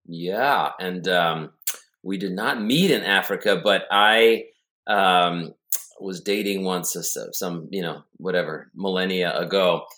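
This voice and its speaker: A man's voice: low-pitched, a little slow, bright, forceful tone. A man speaking as a podcast guest, rambling with many restarts.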